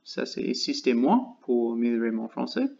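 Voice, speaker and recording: An American man hosting his own channel, giving a casual vlog update in halting learner's French, pausing often to search for words. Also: medium pitch, sing-song, creaky, mellow, dull audio. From United States. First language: English. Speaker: channel host.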